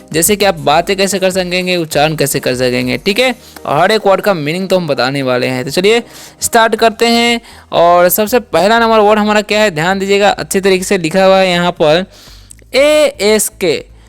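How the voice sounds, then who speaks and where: A man's voice: sits high, a bit bright, clear, resonant tone. A man teaching English words as the host of a lesson channel. He speaks patiently, asks questions and answers them himself, and says "theek hai" often. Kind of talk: spoken language lesson.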